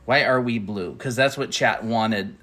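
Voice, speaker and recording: A man's voice: medium pitch, measured pace, sharp tone, faint music behind. A man co-hosting a livestream art lesson, casually explaining drawing techniques step by step. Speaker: co-host art teacher.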